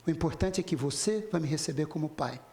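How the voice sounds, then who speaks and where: In an echoey hall, a man with a somewhat high, gravelly voice tells a spiritist lecture as a story, speaking fast, expressively and warmly. He acts out the characters' dialogue in quoted voices and turns to speak directly to his listeners.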